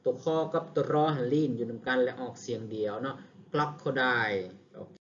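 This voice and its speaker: A man's voice: medium pitch, fast, muffled recording, background noise. A man with a Lao accent teaching English words, saying each word several times before explaining it. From Laos. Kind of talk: vocabulary lesson.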